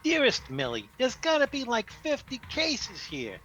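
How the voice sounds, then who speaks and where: A man's voice: very high-pitched, huge pitch swings, unhurried, sharp tone, faint music behind, exaggerated voice. A man playing a dopey, grumbling cartoon husband who bellows his lines in a comedic audio play. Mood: exasperated.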